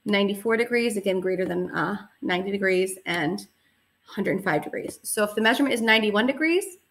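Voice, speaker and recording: A woman teaching a recorded math lesson, explaining patiently step by step with frequent pauses and fillers. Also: medium pitch, a bit bright.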